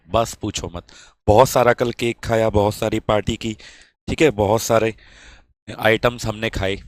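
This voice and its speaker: A man's voice: lowish voice, dry recording. A male science teacher running a live online class, chatting with students and reading their comments aloud.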